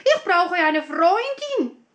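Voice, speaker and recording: A squeaky little frog from a storybook, as a woman puts him on, pushy and persistent, croaking between his words. He sits high and loud above the teller's own voice, his pitch leaping around as he begs. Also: sing-song, takes it slowly, heavily acted. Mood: insistent. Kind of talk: fairy tale storytelling.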